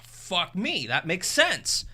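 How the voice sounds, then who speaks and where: Man, podcast co-host, casual film chat, bright ringing voice, excitable, swears a lot. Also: high voice, slow pace. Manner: excitable, profane, swings loud and soft. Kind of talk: casual movie review chat.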